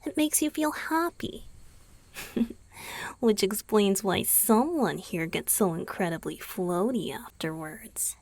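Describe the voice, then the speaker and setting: A woman plays a gentle, teasing male vampire boyfriend in an intimate ASMR roleplay, addressing the listener in one-sided dialogue. Her mid-range voice is slow, soft and patient, often sinking to a whisper, with small chuckles as she explains things in a playful mood. She sits close to a dry microphone.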